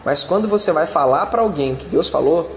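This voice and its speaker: A man's voice: on the high side, lively intonation, a little fast, slight background noise. A man preaching a sermon as a pastor, emphatic and colloquial, talking straight to his listeners. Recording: echoey hall with reverb and faint ambience.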